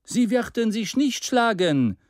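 A man reading an adventure story aloud, voicing an excitable, persuasive male adventurer in a dry, close recording. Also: very high voice, takes it slowly, no room sound, pitched above the performer's own voice, full character voice. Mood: urging.

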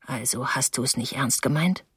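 A woman voicing a moody, stubborn young man who answers curtly in a lowered voice. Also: moderate pace, a bit bright, breathy edge, no room sound, clean studio sound, heavily acted. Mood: pleading.

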